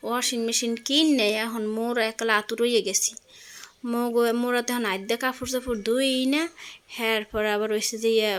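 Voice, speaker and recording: A young mother with a Barishal accent chats through her day in a home vlog, her voice sitting a little high. She talks casually and keeps turning to the viewer to check they are following. The tone is loose and conversational. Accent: Barishal dialect of Bengali. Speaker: vlogger.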